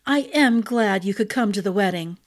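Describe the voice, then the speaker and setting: A woman's voice: mid-range voice, animated, normal speed, lightly acted. Woman voicing an earnest young princess. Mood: warm. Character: newlywed young princess, warm and candid.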